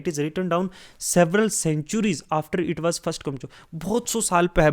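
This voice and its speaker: A man explaining a history chapter casually to students, often switching between languages and repeating fillers. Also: a little high. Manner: mixes English phrases into explanation, repeats filler "theek hai". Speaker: teacher.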